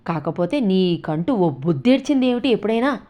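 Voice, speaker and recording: A woman voicing a sharp-tongued, nagging old grandmother in a read-aloud story, scolding and grumbling. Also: mid-range voice, sing-song, brisk, close to an everyday voice. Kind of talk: storytelling with character voices.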